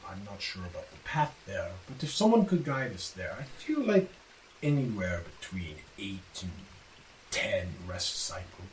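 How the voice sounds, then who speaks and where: A man playing a gentle pacifist creature from underground, speaking in a formal, measured, earnest way. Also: low voice, wildly swooping pitch, full character voice. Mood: earnest, serene. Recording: roomy, distant mic with hiss.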